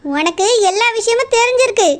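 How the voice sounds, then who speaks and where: A woman's voice: extremely high pitch, animated, fairly quick. A woman voicing a suspicious, bossy young village woman with a Kanyakumari Tamil accent, accusing and scolding.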